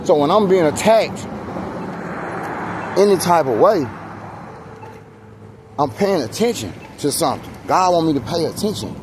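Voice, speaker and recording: A man's voice: a little high, expressive, measured pace, pauses often. An exasperated American man venting and preaching in casual, emphatic, repetitive talk as he walks along. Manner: speaks while walking. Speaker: vlogger. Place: outdoors on a street. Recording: street noise, handheld outdoor recording.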